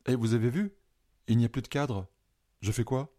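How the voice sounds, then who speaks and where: A man's voice: medium pitch, normal speed, mellow, close to an everyday voice. Man reading as Pépito, a joking boy. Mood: eager. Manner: mocking, laughing. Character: excitable joking boy cousin.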